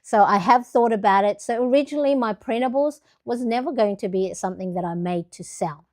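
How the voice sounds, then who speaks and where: Rambling through a casual planner livestream, a middle-aged woman from the Philippines fills her talk with fillers and restarts. She speaks briskly in a slightly high, darkish voice.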